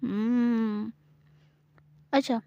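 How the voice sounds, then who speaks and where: Woman voicing a nervous, talkative young village girl, high and quick, dry dull recording. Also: steady tone, warm tone, smooth, no echo. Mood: accusing. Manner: rapid, anxious, accusing chatter. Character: scared, chattering young village girl Gauri.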